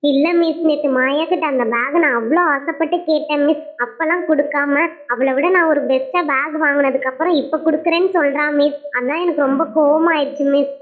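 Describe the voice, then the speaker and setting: Lady doing a snippy jealous schoolgirl doll in a toy doll show, high squeaky voice, taunting and scornful, tinny phone-ish sound. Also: fairly even intonation, fairly quick, few pauses, lightly acted. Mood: aggrieved.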